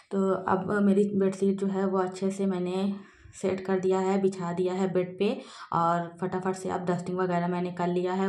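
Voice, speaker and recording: A woman in her thirties talks through her day as a vlog voice-over, plain and homely, with many fillers. Her voice sits low and stays flat, and the room around her echoes. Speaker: vlogger, mother narrating her day. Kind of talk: voice-over narration of a daily vlog.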